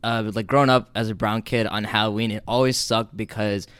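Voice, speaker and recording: A man's voice: on the low side, steady tone, brisk, a bit bright, smooth, no echo, clean studio sound. A man from North Jersey co-hosting a podcast, telling loose, profane stories in casual chat full of "like.". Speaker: podcast co-host.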